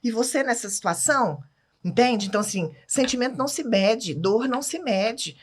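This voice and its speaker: A woman's voice: a little high, expressive, normal speed, husky. A Brazilian woman talking as a podcast guest, emphatic and candid, often checking that the listener follows. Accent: Brazilian Portuguese. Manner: emphatic, keeps asking "entende?".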